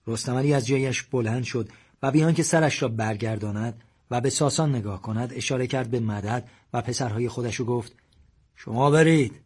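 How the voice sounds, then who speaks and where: A man narrating a story audiobook in a steady storytelling voice. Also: medium pitch, breathy edge.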